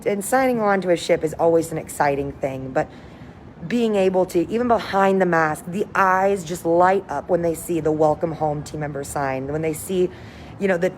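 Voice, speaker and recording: Woman, upbeat cruise director, enthusiastic, casual livestream chat, lowish pitch, noisy ambient recording. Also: normal speed, darkish tone. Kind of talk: casual livestream update to viewers. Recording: noticeable background noise, windy ambience.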